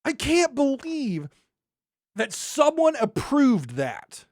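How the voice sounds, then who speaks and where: A podcast host in full rant, sarcastic and exasperated, talking straight into a microphone. The voice leaps up and down with a very lively pitch. The sound is dry and close, with no room around it. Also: slow, no room sound. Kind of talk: ranting podcast monologue.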